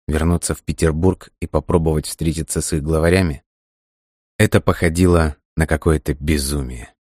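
A man reading a novel aloud in a steady, measured narration. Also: very deep voice, no echo, studio quality. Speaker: audiobook narrator. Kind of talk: scripted narration.

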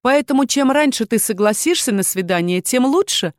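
A woman's voice: fairly high pitch, animated, normal speed, dry recording, studio quality, voice pushed up, lightly acted. A woman reading an audiobook, voicing a sly, teasing young woman student with a velvety, honeyed voice. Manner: teasing, mock-sinister at times. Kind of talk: audiobook character voice.

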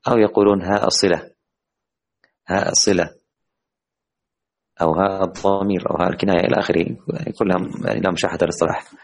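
A man with a very low, deep voice teaches an online Quran recitation lesson to women. He asks his students questions and praises their answers. When he recites examples, he slows down and draws out the words. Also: fairly even intonation. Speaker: tajweed teacher.

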